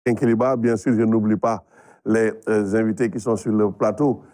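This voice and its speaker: A man's voice: on the low side, fairly even intonation, normal speed, mellow, no echo. A man presenting an archive music chronicle in the studio, speaking with many hesitations.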